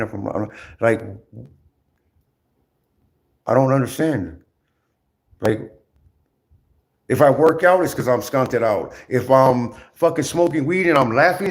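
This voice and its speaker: Speaking at a medium pitch, a man goes off on a casual livestream rant. He rambles, repeats himself, swears, uses lots of slang, and often halts to start over.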